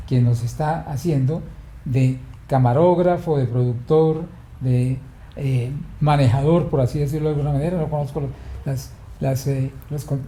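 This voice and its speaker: A man interviewing a guest formally, speaking slowly and often pausing to search for words. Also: mid-range voice, warm tone, roomy sound. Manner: slow, measured, searching for words.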